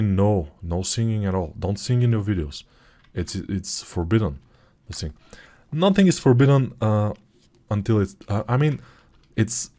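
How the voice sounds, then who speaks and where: His voice is fairly low and darkish as he teaches a 3D modeling software walkthrough. A Bulgarian man speaking English as a second language, he is talkative and digressive and often fixes his own statements.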